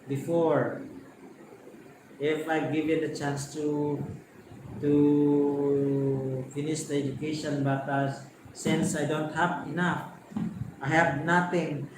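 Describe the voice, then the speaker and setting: A Filipino man in his forties with a Filipino accent, hosting a casual chat and telling his own story in an unhurried, reflective way. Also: a little high, level tone. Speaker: host. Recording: very echoey room with faint background noise.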